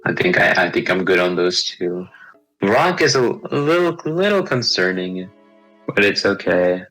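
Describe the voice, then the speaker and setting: A man's voice: low voice, expressive, a little slow, fairly bright tone, faint music behind, low-quality recording. A tired young man as a guest in a casual chat, speaking hesitantly with many fillers and restarts.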